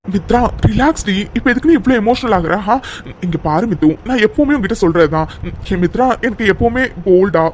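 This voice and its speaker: In a cartoon love story, a voice actor plays an affectionate young man coaxing and pleading with his crying fiancée, turning playfully bossy at times. The delivery is medium-pitched, animated, brisk, and lightly acted, with a bit of hiss or hum in the audio.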